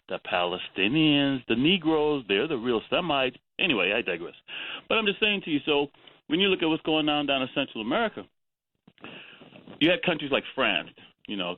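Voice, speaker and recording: A man's voice: mid-range voice, no room sound. A man calling in to a radio talk show, talking emphatically and going off on tangents, chuckling between his points. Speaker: caller. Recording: tinny phone line.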